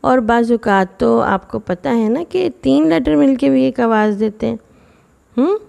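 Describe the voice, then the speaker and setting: A woman teaching phonics to children in a patient, explaining way, sounding out words slowly. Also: fairly high pitch, lively intonation, vocal fry, darkish tone.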